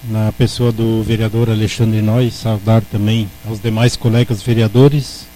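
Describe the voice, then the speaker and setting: A man's voice: lowish voice, level tone, a little slow, dark tone, slight background noise, poor audio. A man with a Brazilian accent, a city councillor giving a formal speech in a council session, repeating words as he searches for them. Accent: Brazilian Portuguese. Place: municipal council chamber.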